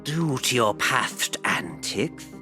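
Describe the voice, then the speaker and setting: A performer playing a mock-stern, excitable boss in a theatrical tabletop game recap, sending a crew off on vacation. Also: medium pitch, slow, soft background music, heavily acted. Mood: mock-stern, gleeful.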